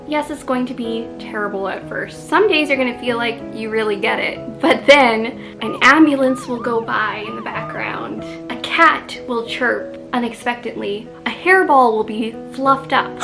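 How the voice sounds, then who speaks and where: A woman's voice: a little high, rough recording. A woman with a Canadian accent, chatting casually to camera as a book vlogger, self-deprecating and full of "like".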